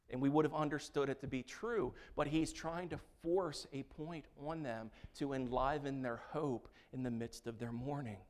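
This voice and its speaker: A male pastor delivering a sermon, earnest and emphatic. His voice sits at an ordinary middle pitch, and he leans into key phrases and repeats words to drive them home.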